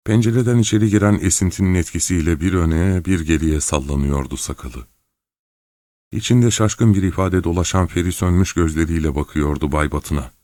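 A man reading a novel aloud as an audiobook narrator, steady and measured. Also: low-pitched, no room sound. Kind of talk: scripted narration.

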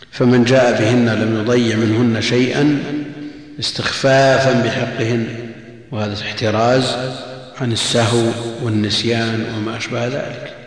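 A man giving a measured commentary lesson on a classical text, repeating key phrases and posing rhetorical questions. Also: mid-range voice. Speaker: religious lecturer. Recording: very echoey long hall reverb.

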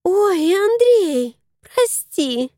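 A woman's voice: very high voice, sing-song, extremely slow, warm tone, no echo, studio quality, voice pushed up, full character voice. A woman voicing a sweet-talking, scheming young woman guest in a storybook reading. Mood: sugary. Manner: sweet, affected. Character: sly sugary young woman house guest.

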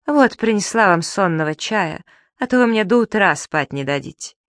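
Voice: medium pitch, animated, normal speed, a bit bright, no echo, studio quality, voice pushed up, lightly acted. Stern landlady for a storybook audiobook, firm and scolding, read by the narrator. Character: strict landlady in a bathrobe.

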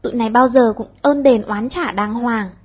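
A brisk, sharp-tongued teenage ringleader, as a woman reader acts her out, quick to give orders and to tease. Her voice sits high with a husky edge. The sound is dull and lo-fi. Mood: bossy. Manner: brisk, commanding, mock-stern. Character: bossy, sharp-tongued teenage schoolgirl leader.

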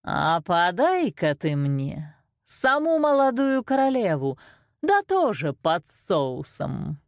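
A woman voicing a cruel old ogress queen who craves human flesh, giving slow, commanding, greedy orders in a storybook. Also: fairly low pitch, wildly swooping pitch, no room sound, studio quality, full character voice. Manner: greedy, commanding, drawn-out demands.

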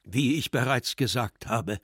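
A man's voice: medium pitch, unhurried, breathy edge, no room sound, clean studio sound. Man doing a drunken stammering general. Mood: pompous. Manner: loud, faltering, repeats himself.

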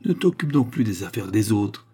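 A man's voice: on the low side, animated, moderate pace, warm tone, slightly rough. A man reading an audiobook, voicing a concierge's wife who scolds her husband from inside the lodge. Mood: scolding. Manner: scolding, calling out.

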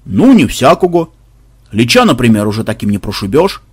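Man doing a gruff deacon, grumbling, blunt, husky, dry close sound, lively pitch. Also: moderate pace, no room sound. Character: gruff, touchy male deacon, leader of priests.

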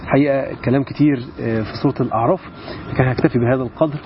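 A man's voice: mid-range voice, fairly even intonation, rapid-fire, lo-fi sound, background noise. A man with an Egyptian accent hosting a religious program, giving an emphatic Quranic reflection talk and asking rhetorical questions. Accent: Egyptian Arabic.

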